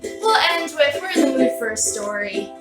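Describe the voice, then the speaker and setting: A woman's voice: sits high, expressive, moderate pace. A woman leading a children's sing-along in a kindergarten teacher voice, encouraging and simply phrased for small children. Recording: roomy echo with loud ukulele music. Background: ukulele playing.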